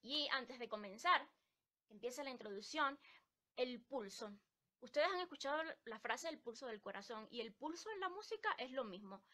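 A woman's voice: sits high, lively intonation, normal speed, pushed and bright. A woman from Ecuador teaching a live-stream music lesson, explaining patiently and singing rhythm syllables to show the beat.

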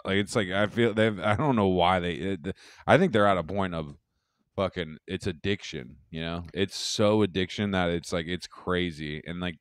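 A man's voice: low-pitched, dry recording, clean studio sound. A young man co-hosting a podcast in casual, rambling chat, swearing and restarting often. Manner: rambling, loose and profane, many restarts. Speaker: podcast co-host.

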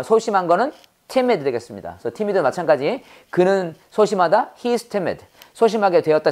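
Low voiced lady teaching english words, repeats stuff a lot, punny. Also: a little mellow. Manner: drills words by repeating them, with playful sound-alike puns. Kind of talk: vocabulary lecture.

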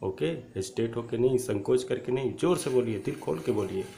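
A male spoken English teacher, drilling letter sounds aloud and urging viewers to repeat them loudly. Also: mid-range voice, expressive, fairly quick, creaky. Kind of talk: online English pronunciation lesson. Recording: echoey room with faint ambient noise.

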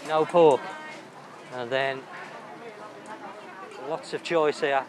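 A man's voice: mid-range voice, steady tone, drawn-out words, a crowd in the background. A man hosting a walking tour of a night market, chatting enthusiastically and thinking aloud about the food he sees. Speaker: travel vlogger host. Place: busy outdoor night market. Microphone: handheld camera while walking. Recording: loud outdoor market noise.

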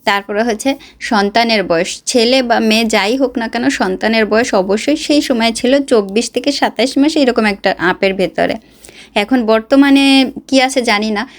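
Woman vlogger, higher voice. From Bangladesh. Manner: explanatory, addresses viewers directly with advice. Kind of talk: casual talk to viewers.

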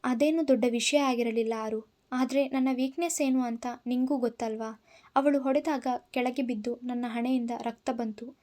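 Give me a woman playing a soft-spoken, forgiving young woman, in a storybook reading. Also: high voice, steady tone, normal speed, lightly acted. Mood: placating. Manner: soft, placating. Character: gentle injured young woman, calm and forgiving.

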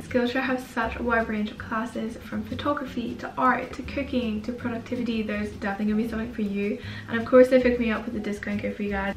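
A woman's voice: fairly high pitch, slight background noise. A young woman vlogger chatting casually to camera at home. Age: young adult. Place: indoors in an apartment. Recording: roomy, distant mic, music behind.

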